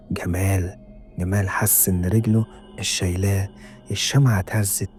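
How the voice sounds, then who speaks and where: Fast Egyptian horror narrator. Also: male voice, on the low side, mellow. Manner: brisk, suspenseful storytelling. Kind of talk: scripted horror story narration. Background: faint music.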